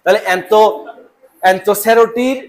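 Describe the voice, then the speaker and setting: High-voiced man teaching. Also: steady tone, a little fast. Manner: repeats terms and keeps checking understanding. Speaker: biology teacher. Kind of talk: live classroom lecture.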